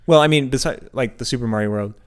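A man's voice: mid-range voice, quick pace. A man co-hosting a podcast in casual comedic chat, joking, swearing and teasing. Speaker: podcast co-host.

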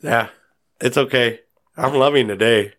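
A man at a middle pitch chats on a podcast, joking and poking fun at himself. His talk is loose and casual, with easy back-and-forth banter. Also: a little slow, fairly bright tone. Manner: joking, self-deprecating. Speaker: podcast co-host. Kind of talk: casual chat.

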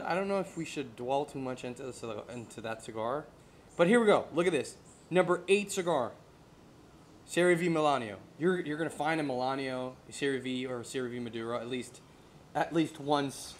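A man from Santiago hosts a casual chat, eager and quick to agree, and he often repeats a phrase for emphasis. He speaks at a medium pitch over a faint background hiss. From Santiago, Dominican Republic. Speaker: host.

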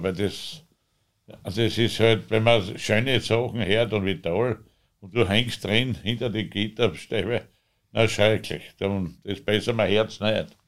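Man, Austrian accent, low voice, rambling, halting, interview storytelling. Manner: rambling, halting, loose dialect grammar. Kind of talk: conversational storytelling.

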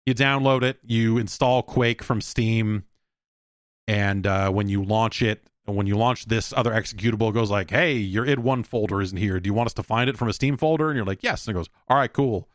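His voice sits on the low side and moves a little fast, recorded at studio quality with no room sound. Hosting solo, he chats casually about video games, drifting through wry asides and playing out imagined conversations.

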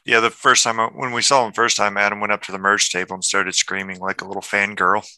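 A man guesting on a casual podcast, with a very bright, sharp-edged voice and a dry, close sound. His humor is teasing and dry. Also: lowish voice, level tone, fast talker, clean tone, dry recording.

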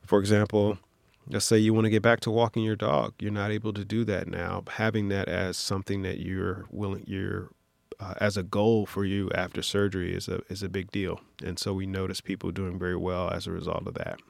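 Low, gravelly-voiced man explaining calmly. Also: dry recording. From Detroit, USA. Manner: measured, explanatory, many fillers. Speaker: orthopedic surgeon guest. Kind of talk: interview conversation.

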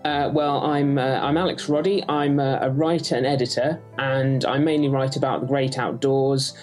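A man speaking as an interview guest, introducing himself casually in a halting, hesitant way. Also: medium pitch, steady tone, soft background music. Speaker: interview guest, outdoor writer and editor.

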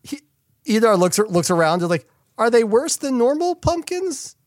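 A man's voice: very high-pitched, very animated, normal speed, dry recording, clean studio sound. A man playing a tabletop game, casually describing what his character does. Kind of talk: casual improvised game chat.

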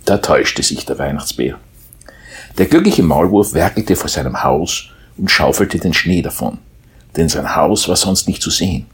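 A man reads a Christmas storybook aloud, calm and unhurried. His voice is very deep and heavily raspy, with a breathy edge. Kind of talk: storybook reading.

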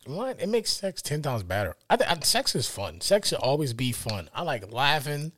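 A tipsy man co-hosting a casual adult podcast, loud and profane, laughing a lot and acting out quoted people. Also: on the high side, sing-song, moderate pace, no echo, clean studio sound. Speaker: podcast co-host.

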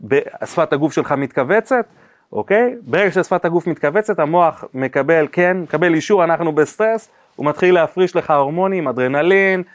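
A man appearing as a guest on a podcast, explaining body language with lively acted-out examples and sound effects. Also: fairly high pitch. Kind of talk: podcast interview chat.

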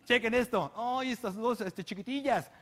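Joking Mexican man with a high voice. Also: normal speed, a bit bright. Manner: joking, slangy, teasing the studio crew. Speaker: guest presenter of a comedy panel show. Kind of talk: comedic show commentary.

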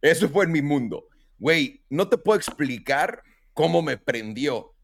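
Mexican host, animated storyteller, pitch all over the place, swears freely. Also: male voice. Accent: Mexican Spanish. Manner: animated, acts out quotes in raised voices, heavy slang and swearing. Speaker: podcast host. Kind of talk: casual storytelling chat.

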